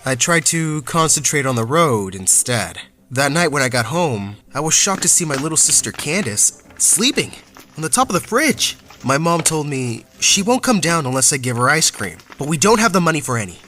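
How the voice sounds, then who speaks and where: A man's voice: mid-range voice, sing-song, normal speed, pushed and bright. A young man narrating a first-person story in an earnest, dramatic way, from a script. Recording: faint background music.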